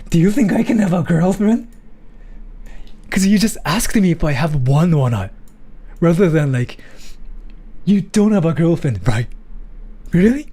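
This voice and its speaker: A man's voice: a little high, lively intonation, measured pace, pauses often, dark tone, breathy edge. A man from Japan livestreaming, chatting loosely and answering viewer questions, going back and forth between English and Japanese.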